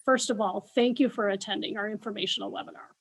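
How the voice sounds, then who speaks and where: An American woman hosting an informational webinar as a school official, speaking in a measured way with pauses for an interpreter. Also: medium pitch, fairly even intonation, background noise.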